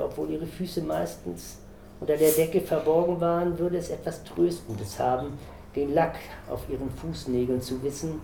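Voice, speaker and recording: A man reading a novel aloud in a steady, measured way, in an echoey room. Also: on the high side, gravelly, a little hiss or hum. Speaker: reader.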